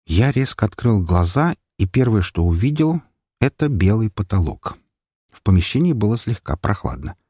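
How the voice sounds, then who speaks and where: A man narrating an audiobook in an expressive, lively reading. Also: fairly low pitch, moderate pace, breathy edge, dry recording, clean studio sound.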